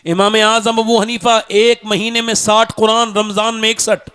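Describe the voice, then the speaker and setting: A man preaching a sermon, swinging from shouted peaks down to low, quiet appeals. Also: level tone, a little slow, clean tone. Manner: fiery, rises to shouts then drops low.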